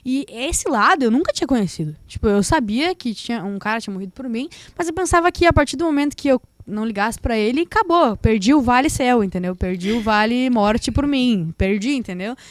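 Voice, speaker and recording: A woman with a southern Brazilian accent from Rio Grande do Sul, a podcast guest telling her personal faith story in lively storytelling fashion. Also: on the high side, brisk, hardly any pauses, no echo, clean studio sound. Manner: lively storytelling, acting out quoted voices.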